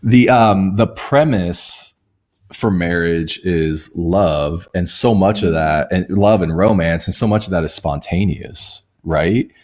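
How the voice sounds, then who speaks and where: A man's voice: low-pitched, slow, a little mellow. A man in his forties co-hosting a casual live-stream chat with his wife, joking and reading out viewer comments. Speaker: co-host.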